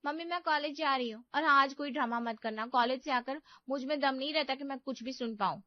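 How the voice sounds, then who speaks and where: A woman's voice: high voice, a little fast, dry recording, lo-fi sound, voice pushed up, natural voice. A woman voicing an impatient, bossy young college student who snaps at the household.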